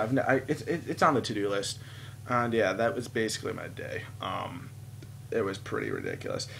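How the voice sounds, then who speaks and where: Young man, casual vlog storytelling, animated, swearing, phone mic, faint background hum. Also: fairly low pitch. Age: young adult. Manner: animated storyteller, swears, jumps to loud quoted outbursts. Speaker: vlogger. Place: indoors at home, seated. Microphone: phone camera.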